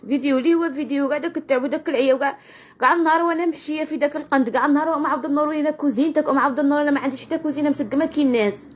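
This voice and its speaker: High, tearful Algerian woman venting. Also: very fast. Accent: western Algerian Arabic. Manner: tearful, anguished venting, repeating phrases. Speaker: online video creator. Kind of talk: emotional personal vlog. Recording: dull lo-fi sound with loud-ish noise.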